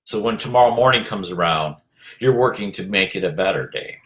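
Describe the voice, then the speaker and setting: Earnest and urging, a man coaching on leadership gives a motivational talk in a somewhat low voice that is expressive and fairly bright. He returns to the same phrases again and again, using many "you know" fillers in the pauses.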